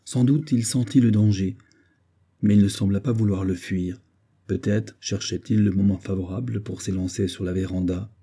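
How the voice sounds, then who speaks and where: A man narrating a classic adventure novel as an audiobook, in a measured, steady reading. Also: lowish voice, breathy edge. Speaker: audiobook reader.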